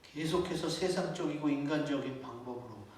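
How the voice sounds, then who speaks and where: A man's voice: fairly high pitch, fairly quick, darkish tone, a little hiss or hum. A man preaching a sermon as a pastor, speaking conversationally and asking his congregation rhetorical questions. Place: church sanctuary. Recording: echoey church hall, mic at a distance.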